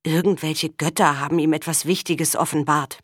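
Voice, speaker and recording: A woman's voice: low-pitched, steady tone, normal speed, no room sound, studio quality. A woman reading the part of a young woman explaining things, a little resigned.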